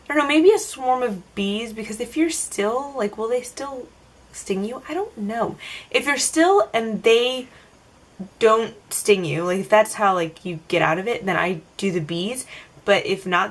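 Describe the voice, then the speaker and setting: A young woman talks straight to her camera, working through a list of tag questions. She rambles and fills her answers with "like" and "um", in a voice of middling pitch. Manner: chatty, filler-heavy, self-answering rambles. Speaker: vlogger. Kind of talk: casual tag-video Q&A.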